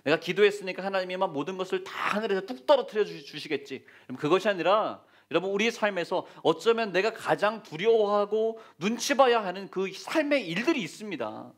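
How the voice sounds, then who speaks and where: High-voiced Korean pastor preaching. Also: male voice, a little fast, hardly any pauses. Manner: lively storytelling, acting out voices of king and Nehemiah; repeated exhortations, dropping to a whisper at times. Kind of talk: sermon.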